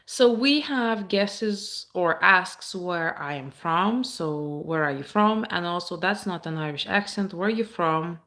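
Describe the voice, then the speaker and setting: A woman talks into her phone on a live stream, her voice sitting a little low. She chats casually and reads viewers' comments aloud before answering them. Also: animated, a little slow, few pauses, a bit bright. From Baltic states.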